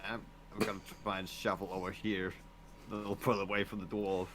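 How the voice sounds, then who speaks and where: A man's voice: sits low, little pitch movement, fairly quick, a crowd in the background. A man playing in a tabletop game, talking in a dry, understated way. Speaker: player. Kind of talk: casual game table chat.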